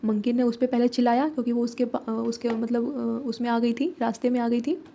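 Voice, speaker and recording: A woman's voice: on the high side, little pitch movement, gravelly, dark tone, a little hiss or hum. A woman with an Indian accent who teaches a lesson, mixing Hindi and English, repeating herself and asking rhetorical questions. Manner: explains slowly and repeats, asks rhetorical questions. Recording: dull lo-fi recording.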